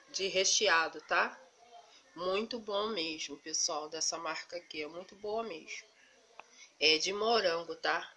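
A Brazilian woman with a cold films her cooking and groceries on a phone in her home kitchen, staying off screen while the camera hangs over the food. Her lowish, bright voice sounds congested yet forceful, and she keeps saying "meus amores" and "tá" to viewers in a homely, casual way, with slight background noise.

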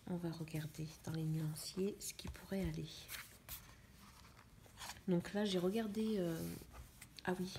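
A young woman chatting in a casual coloring vlog, musing to herself in a soft, often half-whispered voice. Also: on the low side, unhurried, long pauses, noisy background. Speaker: vlogger. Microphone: phone camera.

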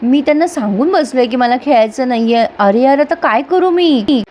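A stubborn young husband mulls things over in a hesitant, lovesick inner voice, as a woman reads him out in her bright, fairly high tone. It is a TV serial recap. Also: lively intonation, moderate pace, slight background noise. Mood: brooding.

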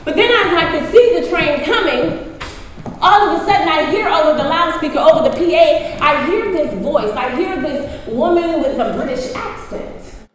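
High-voiced woman in an echoing hall. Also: expressive, normal speed, slight background noise. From United States. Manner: storytelling, addresses the audience directly. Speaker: conference speaker. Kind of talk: motivational speech. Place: large conference hall. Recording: echoey hall with long reverb.

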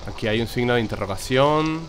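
A man's voice: medium pitch, expressive, brisk, slight background noise. A young man with a Spain Spanish accent giving chatty let's play commentary and swearing when he gets frustrated. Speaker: gaming video creator. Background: game music.

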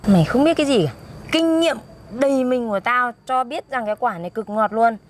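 A woman with a husky voice in comedic banter, boastful and quick to argue back. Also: on the high side, animated, a little hiss or hum. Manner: boastful, defensive, argumentative.

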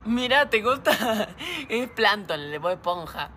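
Woman, somewhat high voice, casual teasing chat, noisy recording with a loud background. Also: big pitch swings, measured pace.

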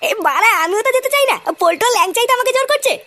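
A woman's voice: very high-pitched, animated, rapid-fire, bright, forceful tone, no room sound, exaggerated voice. A woman voicing a cheeky, swearing young boy in a cartoon, with a brash and whiny manner. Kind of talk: cartoon voice acting.

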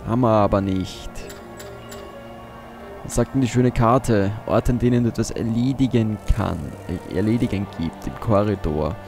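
A man's voice: lowish voice, normal speed, over music. A man giving casual gameplay commentary as a let's play host, muttering to himself as he thinks aloud.

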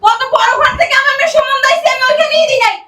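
A woman playing a shrill, scornful rich mother. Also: racing, sharp tone. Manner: scolding, mocking questions. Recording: echoey room.

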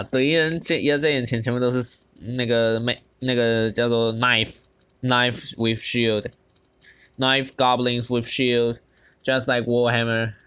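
Excitable young man commentating gameplay. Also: mid-range voice, clear, resonant tone. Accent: Taiwanese Mandarin. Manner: excited, switches between Mandarin and English, lots of exclamations. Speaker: gaming channel host.

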